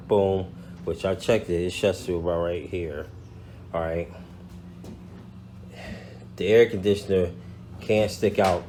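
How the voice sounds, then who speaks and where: With a little hiss or hum in the recording, this American vlogger speaks in a low, mellow voice. He keeps things slangy and informal as he talks to camera, unboxing and walking viewers through what he's showing them.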